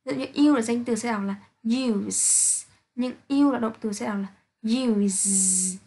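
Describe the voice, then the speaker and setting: A woman teaching an English pronunciation lesson, reading out sounds and example words slowly and carefully to her students. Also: a little high, darkish tone. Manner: slow, careful, spelling out sounds one by one.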